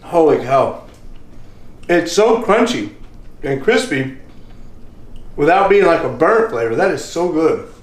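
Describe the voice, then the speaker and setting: Man, young adult, fishing vlog host, upbeat, somewhat high voice, echoey kitchen. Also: big pitch swings, slow pace, long pauses. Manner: upbeat, laughing, drawling y'all. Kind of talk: casual cooking and tasting chat. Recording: echoey room.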